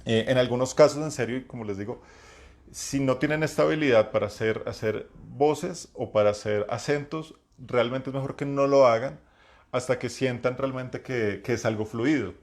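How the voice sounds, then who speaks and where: Deep-voiced man giving roleplay advice. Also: moderate pace, darkish tone. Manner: reflective advice with many fillers and restarts. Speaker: game master and host. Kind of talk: live talk on roleplaying. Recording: lower-quality live stream.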